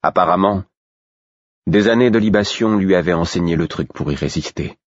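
A man reading a first-person novel aloud as an audiobook narrator, in a measured, expressive way. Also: low voice, no room sound, dull audio.

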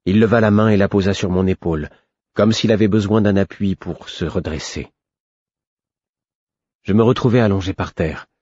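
A man reading a novel aloud in calm first-person narration. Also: sits low, slightly rough, no room sound, lo-fi sound. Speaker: audiobook narrator.

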